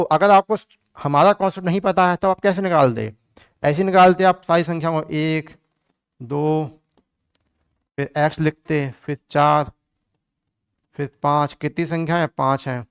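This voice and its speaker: A man talks through exam-prep math problems, chatty and joking, calling his viewers kids. His voice sits fairly high and sounds clear and smooth. The recording is dry and close, with no room sound. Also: no room sound. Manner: chatty, addresses students as kids, jokes while teaching. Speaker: math teacher.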